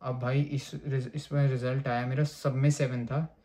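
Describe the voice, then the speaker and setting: A man's voice: mid-range voice, little pitch movement, normal speed, warm tone. A young man from India telling a personal story in a casual, chatty way, often calling out "bro" and swearing. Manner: chatty, keeps saying "bhai", swears. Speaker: vlogger.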